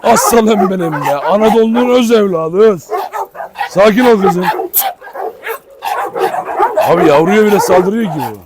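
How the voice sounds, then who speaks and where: A man with a high voice talks casually to his viewers and gives firm commands to his dogs, calling them fond pet names. He is recorded outdoors in a yard, and loud barking fills the background. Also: brisk, hardly any pauses, heavy background noise. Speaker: dog owner and vlogger. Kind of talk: casual vlog commentary to viewers.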